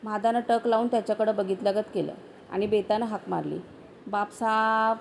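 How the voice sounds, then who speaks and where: A woman narrating a short story aloud in a steady storytelling manner. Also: medium pitch, fast, vocal fry, slight background noise.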